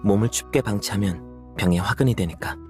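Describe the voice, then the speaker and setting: An actor playing a steady young male hunter in a video game, calm, cautious and matter-of-fact. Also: fairly low pitch, a little fast, natural voice. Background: game music.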